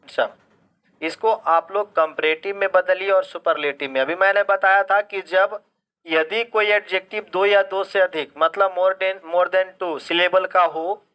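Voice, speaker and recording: A man's voice: high voice, fairly even intonation, unhurried, sharp tone, clear, resonant tone. A man teaching English grammar in a live online class. He asks questions and answers them himself, drops English phrases into his Hindi explanation, and keeps checking whether students understand.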